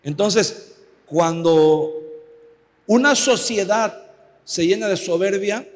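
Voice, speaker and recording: Male pastor, raised voice, conversational sermon, long church-hall reverb. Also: high voice. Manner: conversational preaching, keeps asking listeners for agreement.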